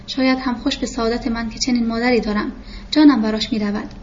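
A woman's voice: fairly high pitch, steady tone, darkish tone, highs cut off, a little hiss or hum, close to an everyday voice. A woman reading the lines of a proud, hospitable mother hosting a guest, speaking with formal courtesy. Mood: gracious. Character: hospitable middle-aged mother, proud and gracious.

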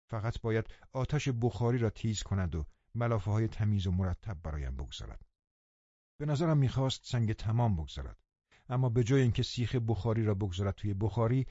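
A man reading a novel aloud in measured, unhurried first-person narration. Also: on the low side, mellow, dry recording. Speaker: audiobook narrator. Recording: dull lo-fi recording.

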